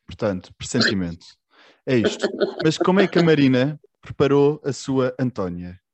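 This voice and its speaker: A man's voice: medium pitch, big pitch swings, normal speed, a little mellow, no echo. A man with a European Portuguese accent interviewing someone in an informal, slangy, chatty way. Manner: informal, slangy, repeats short agreements. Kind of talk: casual interview chat.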